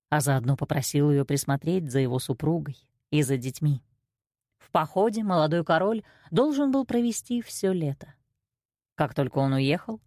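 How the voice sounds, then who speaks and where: A woman narrating a fairy tale in an expressive storytelling voice. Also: no room sound, clean studio sound. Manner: expressive, with wide swings in pitch.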